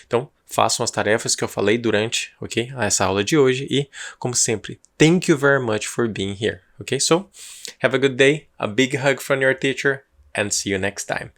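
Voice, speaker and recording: A man with a Brazilian Portuguese accent teaching an online class in a chatty way, asking and answering his own student questions and slowly drilling phrases for repetition. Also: mid-range voice, fairly bright tone. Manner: slow, drawn-out drill repetitions. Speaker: English teacher.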